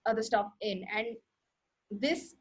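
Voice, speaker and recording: Hosting a laid-back art history livestream, a young woman with an Indian English accent talks slowly in a mid-range voice with a breathy edge. Her talk wanders, and she keeps correcting herself and laughing.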